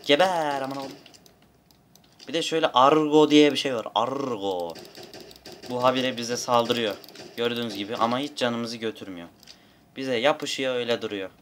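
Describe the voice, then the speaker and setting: A man's voice: mid-range voice, moderate pace, a little hiss or hum. A young man giving rambling, casual gameplay commentary and swearing now and then, at a desk mic. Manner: rambling, swears, shouts in bursts. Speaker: gamer.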